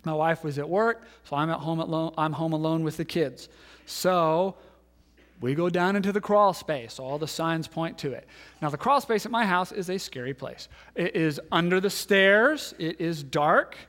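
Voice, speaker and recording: A man in his thirties, a pastor giving a sermon, telling a story and acting out the voices in it, then dropping to hushed tones. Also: a little high, moderate pace. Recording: long hall reverb.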